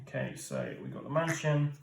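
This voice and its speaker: With huge pitch swings in a voice on the high side, this thirty-something British board game channel host talks at a normal speed. He chats through the rules of a playthrough, adding jokes along the way, recorded in an echoey room with a distant mic.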